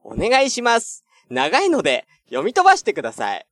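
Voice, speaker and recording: Man hosting animated solo radio talk. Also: high-pitched, brisk, no room sound. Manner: animated, mock-outraged shouting and whining; playful, self-deprecating banter with listeners. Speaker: net radio host. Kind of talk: unedited solo morning radio chat.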